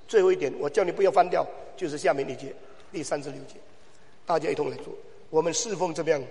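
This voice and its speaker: Man, pastor, fiery sermon, high voice, long hall reverb. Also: quick pace. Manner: fiery, swings from low asides to shouted exhortation. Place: church hall.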